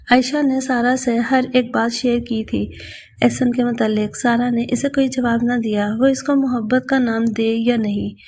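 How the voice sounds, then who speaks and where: Woman reading a novel aloud, light pitch. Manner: steady storytelling. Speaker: narrator.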